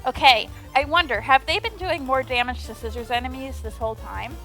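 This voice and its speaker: Chatty, bright-voiced woman playing a game. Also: high voice, a little fast. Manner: chatty, excitable, rambling asides. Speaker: let's player. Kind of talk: let's play commentary and reading aloud. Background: faint game music.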